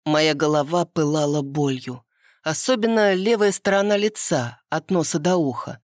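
Woman narrator, expressive first-person audiobook reading, lowish voice, dry close sound. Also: moderate pace, no echo.

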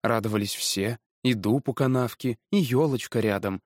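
A man reading a children's story aloud in a lively, animated way. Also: mid-range voice, normal speed, no echo, studio quality.

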